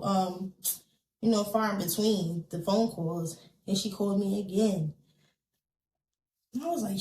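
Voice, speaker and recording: Recounting her own story as a podcast guest, a woman speaks with sincerity, voicing other people's lines and filling gaps with casual filler words. Her mid-range voice is slightly mellow, and the poor audio has a roomy sound.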